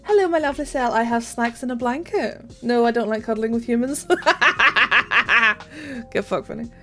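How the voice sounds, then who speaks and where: A young woman chats casually on a gaming stream in a fairly high voice. She swears freely and jumps up into squeals when excited. Soft music plays faintly under her. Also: fast. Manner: bubbly, swears freely, greets chat warmly.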